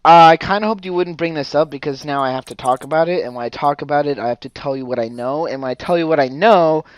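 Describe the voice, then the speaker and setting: A man's voice: on the high side, fast talker, dry recording. A young man hosting a casual podcast chat with friends, often laughing as he talks. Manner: giggly, talks through laughter. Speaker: podcast host.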